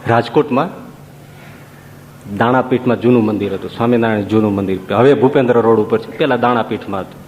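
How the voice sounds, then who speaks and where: A man's voice: medium pitch, fast, darkish tone, a little hiss or hum. Male preacher in a reverberant hall. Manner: storytelling with rhetorical questions. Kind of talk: devotional sermon storytelling. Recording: long reverb, dull lo-fi sound, faint ambience.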